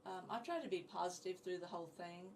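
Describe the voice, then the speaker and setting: A chatty woman in her seventies from Indiana tells her story in a cheerful, upbeat way. Her voice sits somewhat low and carries the faint distance of being off-mic. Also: expressive, fast, a little mellow, a little hiss or hum. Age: 70s. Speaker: interview guest, community group founder. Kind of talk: casual interview chat. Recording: voice picked up from a distance.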